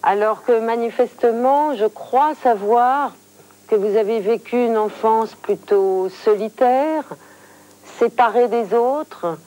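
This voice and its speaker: Mellow-voiced woman interviewer, measured and eloquent. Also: fairly high pitch. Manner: measured, eloquent, building phrases in lists. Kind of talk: formal TV interview.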